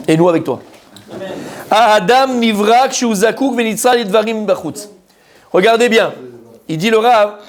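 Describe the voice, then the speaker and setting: Un rabbin qui donne un cours de Torah en français, avec un ton vivant et direct, entremêlé de mots hébreux. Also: male voice, high voice. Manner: animated, addresses listeners directly, mixes Hebrew terms into French. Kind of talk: Torah lesson, lively sermon.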